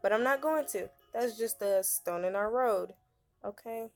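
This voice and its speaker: A woman giving casual commentary while playing a story game on her phone, venting loudly in slangy, exasperated bursts. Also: on the high side, unhurried, gravelly, soft background music. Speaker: gamer reading a story game aloud.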